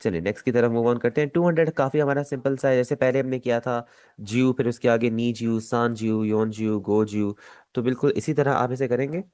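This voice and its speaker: A man with a Pakistani Urdu accent, teaching an online language lesson, patient and repeating each step slowly. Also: mid-range voice, fairly even intonation, darkish tone, dry recording.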